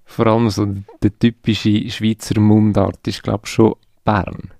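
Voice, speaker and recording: A man hosting a podcast in a relaxed, chatty way. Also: lowish voice, measured pace, gravelly, dry recording, studio quality. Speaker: podcast host. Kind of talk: casual interview.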